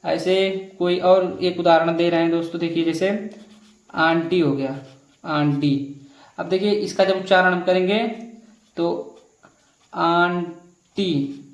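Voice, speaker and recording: A man's voice: fairly high pitch, steady tone, moderate pace, long pauses, roomy sound, poor audio. A man teaching a grammar lesson, explaining rules step by step and repeating himself while addressing viewers as friends.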